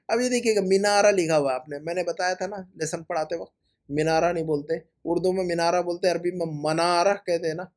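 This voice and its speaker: A man teaching Arabic, going through students' homework and correcting mistakes, repeating the right phrases slowly. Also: sits high, darkish tone.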